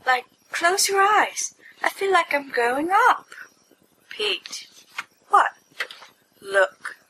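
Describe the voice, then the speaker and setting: A woman with a very high, bright, pushed voice reads fiction aloud extremely slowly, her pitch swinging widely. She's an amateur podfic reader playfully acting out giddy young men's dialogue in character voices. The home recording is poor, with faint background noise.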